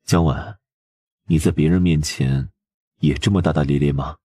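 A man acts out a wounded young nobleman from a historical romance drama, with an extremely low voice. He is terse and restrained, a little husky, and easily embarrassed. The sound is close and dry. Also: steady tone, normal speed, dark tone, dry recording. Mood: reserved, awkward. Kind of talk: audio drama dialogue over narrated webnovel.

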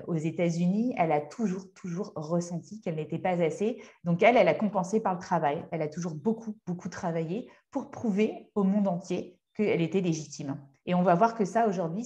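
A woman in her thirties, a hypnotherapist, giving a motivational workshop talk in a conversational, halting way as she searches for words. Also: on the low side, warm tone, muffled recording. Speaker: speaker and hypnotherapist.

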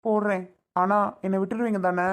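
A woman's voice: medium pitch, fairly even intonation, fairly quick, close to an everyday voice. A woman playing a desperate young man who is tied up and begs to be freed, in quarrelsome slangy speech. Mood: defiant. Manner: pleading and quarrelsome, rough slangy talk. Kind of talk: family skit acting.

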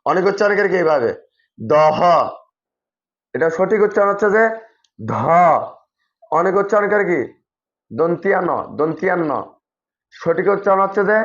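A man's voice: sits high, rapid-fire, fairly bright tone, lo-fi sound. A man teaching Bangla letters, reciting each one and contrasting common wrong pronunciations with the correct ones. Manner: addresses viewers as brother, repetitive teaching phrases. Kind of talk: pronunciation lesson.

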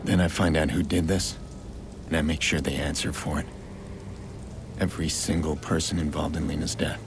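An actor playing a grim, determined vigilante hacker in a video game, with a low gravelly growl and a terse, menacing way of talking. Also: male voice, level tone, moderate pace. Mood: grim resolve. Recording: rain and clear background noise.

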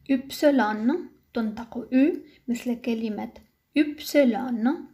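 A woman's voice: on the high side, dark tone. A woman teaching a language lesson, spelling out letters and repeating each example word with its meaning. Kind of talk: slow explanatory lesson.

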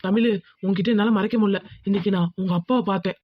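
A woman's voice: mid-range voice, fairly even intonation, fast talker, highs cut off, close to an everyday voice. A woman voicing a young village groom in a cartoon, soothing but firm and insistent. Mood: guarded. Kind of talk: cartoon voice acting.

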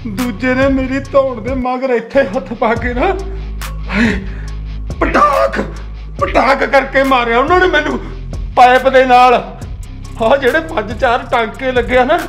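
A man plays a distraught young villager with a Malwai Punjabi accent, his voice pitched very high and halting through tears. He speaks in broken, pleading phrases, scared and crying. Faint music sits under his voice. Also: fairly bright tone. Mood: tearful. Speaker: nephew in a family drama. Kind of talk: web series acting.

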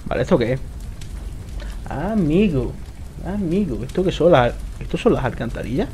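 Man, let's play commentary, cursing, excitable, mid pitch, faint hiss behind. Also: fast. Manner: swears a lot and talks to himself, excitable outbursts. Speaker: gameplay commentator.

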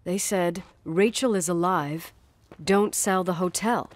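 In video game dialogue, an actress voices a blunt, defensive young woman who swears and replies curtly. Her voice is fairly low and she takes her time.

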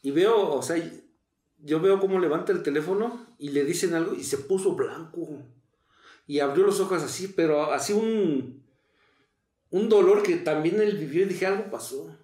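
A middle-aged man with a Mexican accent telling a painful personal story in a halting way, repeating words as he relives it. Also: a little high, warm tone, roomy sound. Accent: Mexican Spanish. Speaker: interview guest. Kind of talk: emotional personal testimony.

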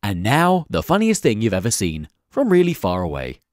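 A woman putting on a very deep, gruff voice for cartoon characters in a fan animation. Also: huge pitch swings, normal speed, background noise, exaggerated voice. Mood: dry.

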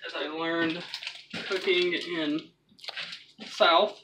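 A man's voice: a little high, steady tone, drawn-out words, bright, forceful tone. A young man giving casual, instructive explanations as he cooks at home. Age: young adult. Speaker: home cook demonstrating a recipe. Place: small home kitchen, indoors. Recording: noisy handheld kitchen camera recording.

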